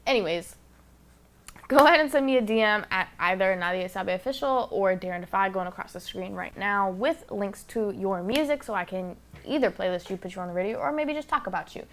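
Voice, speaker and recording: Woman podcast host, casual solo talk, blunt, swears freely, close mic, mid-pitched voice. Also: expressive, a little fast. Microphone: close microphone.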